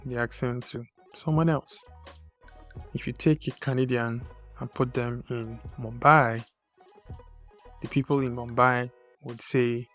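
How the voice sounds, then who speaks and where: A man from Nigeria with a Nigerian accent, hosting his own podcast in a measured, deliberate way. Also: medium pitch, fairly bright tone. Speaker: podcast host. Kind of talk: scripted solo podcast talk.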